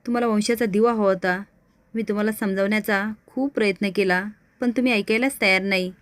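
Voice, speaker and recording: A bitter, reproachful widow, as a woman reads her part. Her words are measured and accusing, spoken on one level pitch. The sound is dry. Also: steady tone, dry recording, close to an everyday voice.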